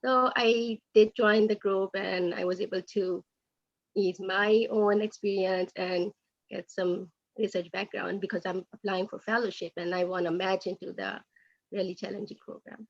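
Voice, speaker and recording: A woman speaks on an online panel in a friendly, upbeat way. Her voice sits at a middle pitch. The audio is dry and dull, like a lo-fi recording. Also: fairly even intonation, normal speed, dry recording. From United States. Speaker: resident panelist.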